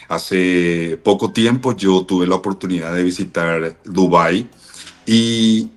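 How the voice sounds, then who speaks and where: A Paraguayan man being interviewed, explaining things in a measured way with frequent fillers and restarts. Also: sits low. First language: Spanish. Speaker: interview guest, language teacher. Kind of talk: thoughtful explanatory interview answers.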